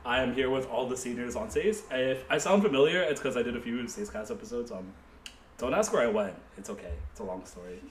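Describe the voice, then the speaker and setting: A man's voice: mid-range voice, a little fast. A young man in his twenties hosting a casual student podcast, teasing and joking. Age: 20s. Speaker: podcast host. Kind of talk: casual chat. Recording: echoey room, faint noise.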